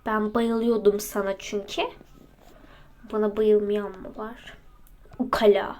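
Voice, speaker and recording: A woman's voice: mid-range voice, level tone, takes it slowly, warm tone. A woman narrating a toy role-play, voicing several characters in playful dialogue. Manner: switches between character voices in playful dialogue.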